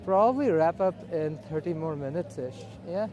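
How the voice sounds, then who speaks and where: A man giving casual, unhurried walking commentary as a live vlogger, speaking in short observational phrases outdoors. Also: on the high side, expressive, darkish tone, lo-fi sound. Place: outdoors at a busy beach and streets. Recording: outdoor crowd and street bustle. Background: crowd.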